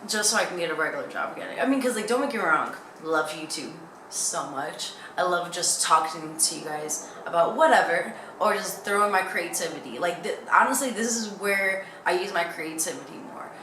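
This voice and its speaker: A young woman talks to her viewers in a casual, candid vlog style, wandering between thoughts. Her voice sits a little low but has a bright, forceful edge. She is recorded in an echoey room with faint noise behind her. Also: animated, normal speed, few pauses. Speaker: YouTuber.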